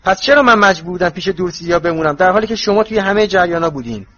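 A man voicing a resentful teenage boy with forced calm and sarcasm in a storybook reading, in a slightly muffled recording with faint hiss. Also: fairly high pitch, slightly rough. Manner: strained calm breaking into sarcasm.

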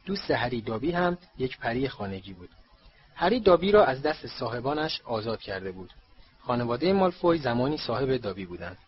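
A man narrates a storybook in a steady, measured reading voice at a middle pitch. The recording sounds dull and lo-fi. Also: husky. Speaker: audiobook narrator.

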